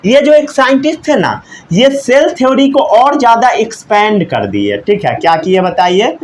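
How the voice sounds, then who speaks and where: A young male teacher with a high, sing-song voice that swings up and down as he quizzes his class and repeats every answer. He slows right down to dictate key sentences word by word. A faint hiss of noise sits behind the recording. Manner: asks students questions, repeats answers, mixes English terms. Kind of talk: classroom lecture.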